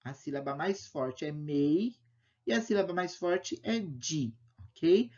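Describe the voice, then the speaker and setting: A woman's voice: low voice, animated, slow, darkish tone. A woman teaching a primary school lesson for children in a patient, sing-song teacher's voice. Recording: dull lo-fi home recording.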